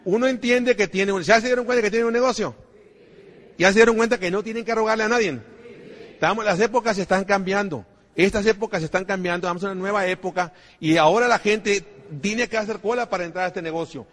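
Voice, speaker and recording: A man's voice: sits high, fast, a bit bright. A man gives a motivational business talk, repeating himself and asking the crowd rhetorical questions. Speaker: network marketing trainer. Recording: long hall reverb.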